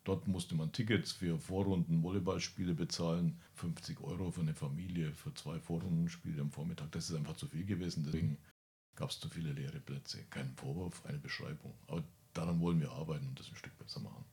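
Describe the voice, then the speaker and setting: During a panel discussion, a man organizing a large sports event speaks confidently in a briefing style, sprinkling in English buzzwords. His voice is a low rumble, a little mellow, with fairly even intonation and a brisk pace.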